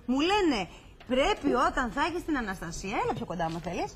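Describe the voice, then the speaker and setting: A woman's voice: sits high, sing-song, background noise. A woman hosting a television chat show in a studio, coaxing and teasing her guests. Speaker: host.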